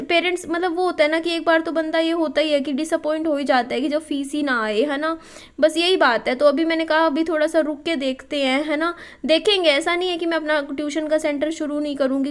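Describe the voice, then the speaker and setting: A young woman with a high voice chats casually to her vlog audience. She talks in an easy, everyday way and keeps asking her viewers to agree with her as she goes. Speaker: family vlogger.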